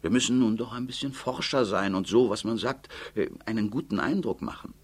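A man's voice: fairly low pitch, animated, a little fast, slightly rough, pitched above the performer's own voice. A man reading the part of a stern, practical young woman, firm and matter-of-fact as she lectures.

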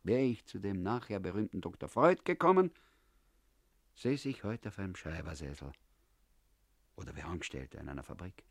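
A man's voice: low voice, expressive, moderate pace, pauses often, no echo. A man reading a first-person story aloud in a confiding tone, as if talking to an old comrade. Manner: confiding, addressing the listener as comrade. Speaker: audiobook narrator. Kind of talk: first-person literary narration.

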